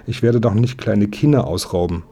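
Glib, polite storybook thief, dark and breathy, a man reading it. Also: on the low side, moderate pace. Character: smooth-talking adult male thief in a stiff hat.

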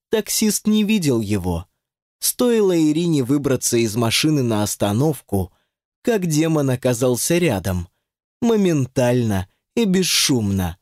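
A man narrating an audiobook in an expressive storytelling delivery. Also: mid-range voice, no room sound, studio quality. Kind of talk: scripted narration.

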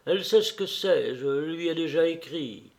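A man's voice: on the high side, normal speed, natural voice. A man voicing a cheerful, talkative middle-aged nobleman who speaks eagerly and effusively in a read novel.

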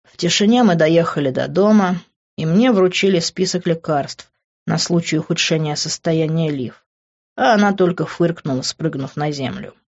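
Female audiobook narrator, calm and steady, low voice. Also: moderate pace, lo-fi sound. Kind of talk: first-person audiobook narration.

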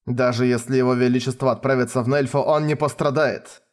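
A man voicing a cold, composed male colonel who speaks calmly and deliberately. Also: mid-range voice, natural voice. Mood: firm. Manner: calm, icy, measured.

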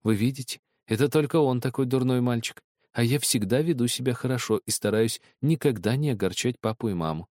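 A man's voice: mid-range voice, brisk, a little mellow, no room sound, clean studio sound, natural voice. A man voicing a prim little girl with a smug manner.

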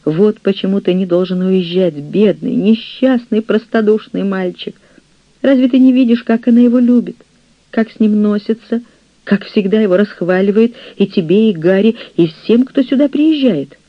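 A man reading an audiobook, voicing an older, jealous and scheming nurse, a widow, in a shrill, reproachful way. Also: moderate pace, no room sound, muffled recording. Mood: insistent.

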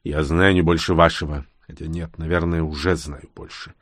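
A man voicing a gruff former marine who gives curt, barked orders in an audiobook. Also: a bass voice, steady tone, normal speed, dry recording, studio quality, pitched below the performer's own voice. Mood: guarded.

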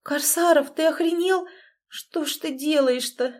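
A woman voicing an excitable fifty-year-old woman therapist who exclaims and scolds in a shrill voice. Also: a little slow. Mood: shrieking.

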